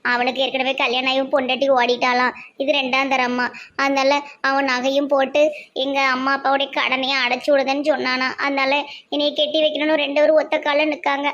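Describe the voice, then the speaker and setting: A woman's voice: high-pitched, flat delivery, brisk, dull audio. A woman doing a tearful young college girl with a Tirunelveli accent. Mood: despairing. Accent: Tirunelveli Tamil. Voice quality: soft, tearful. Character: anxious young female college student. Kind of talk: cartoon voice acting.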